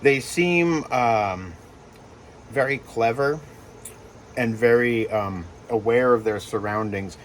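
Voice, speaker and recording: A man who breeds reptiles talks casually in a vlog while handling geckos, with lots of fillers and soft reassurances to the animals. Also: medium pitch, slow, slight background noise. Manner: rambling, filler-heavy, coos softly to the geckos.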